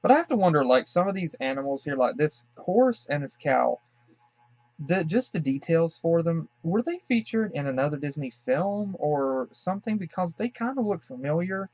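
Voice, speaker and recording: A man's voice: a little high, animated, normal speed, darkish tone, dry recording. A man from the Southern United States hosting a casual cartoon reaction, talking in a hesitant, musing way with lots of fillers and apologetic asides. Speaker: cartoon reaction channel host. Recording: dull lo-fi dry recording.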